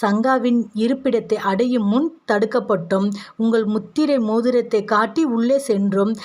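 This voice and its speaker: A woman's voice: a little high, normal speed, a little mellow, close to an everyday voice. A woman reading as a grieving young monk. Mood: subdued. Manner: sorrowful, defeated.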